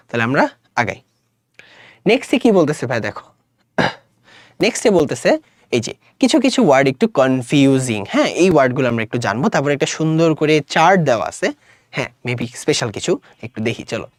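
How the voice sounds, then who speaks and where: A man with a Bangladeshi Bengali accent teaches English grammar in an online lesson. His pitch moves a lot, and he keeps stopping to ask his students if they follow. The sound is dry and close to the mic. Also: no echo. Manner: casual, asks students check questions often.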